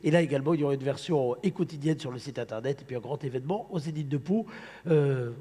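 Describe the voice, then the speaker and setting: A male host presents a live morning show with a head cold that leaves him husky and hoarse. His voice is soft-edged and sits a little high, ringing in a large hall. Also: quick pace. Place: large studio set in a big hall. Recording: large hall with long reverb.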